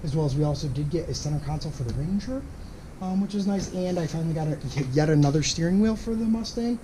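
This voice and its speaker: Losing his voice to hoarseness, a man talks quickly and a bit high as he rambles and apologizes about a car project. It's a casual to-camera vlog, and the camera-mounted mic picks up lots of background noise.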